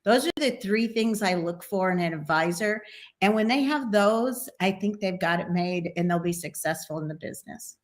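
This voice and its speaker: A woman's voice: mid-range voice, expressive, normal speed. A woman who owns a travel agency, speaking earnestly as a guest in a casual video interview.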